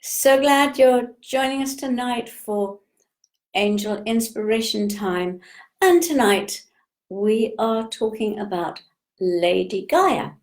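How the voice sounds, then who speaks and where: Older woman, live-stream host, slow gentle talk, greeting viewers by name. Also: on the high side, lively intonation. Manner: slow, gentle, unhurried, with frequent pauses. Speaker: spiritual teacher hosting a live session.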